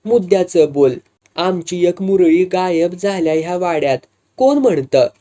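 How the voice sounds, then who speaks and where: A man's voice: sits high, animated, moderate pace, mellow. A man voicing a haughty middle-aged village landlord who talks curtly and dismissively. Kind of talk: storytelling with acted dialogue.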